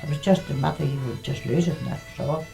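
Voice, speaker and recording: A woman's voice: low-pitched, fast, creaky, warm tone, soft background music. An older woman with a Northern Irish accent, reminiscing in a plain-spoken, conversational way. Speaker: local resident sharing memories. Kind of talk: reminiscing, casual storytelling.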